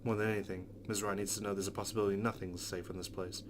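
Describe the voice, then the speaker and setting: This is a let's play host with a fairly low voice, reading visual novel text aloud rapid-fire and reacting casually along the way. Loud background noise stays steady the whole time.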